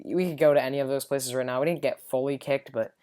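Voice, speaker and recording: A woman with an unusually deep, smooth and resonant voice tells a casual storytime vlog. She rambles through it loosely, full of fillers and side remarks. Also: steady tone, quick pace, warm tone. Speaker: vlogger.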